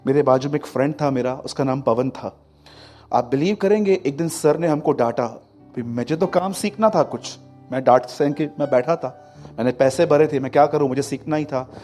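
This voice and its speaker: A man preaching a sermon, telling stories and swinging between loud and hushed delivery. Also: medium pitch, normal speed, soft background music. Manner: lively storytelling, acting out quotes, swings from loud to hushed. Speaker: pastor.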